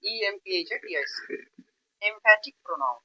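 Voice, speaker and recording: Man, teacher, Bengali accent, high voice, very bright tone, repeats words, step-by-step explaining, dull lo-fi recording. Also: lively intonation, fairly quick. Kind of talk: grammar lesson.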